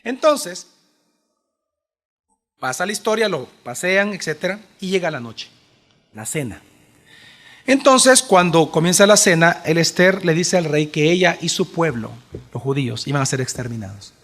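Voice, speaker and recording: High-voiced pastor telling a story. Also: male voice, moderate pace, long pauses. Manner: animated storytelling, acting out the characters' lines; asks the congregation questions. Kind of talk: sermon.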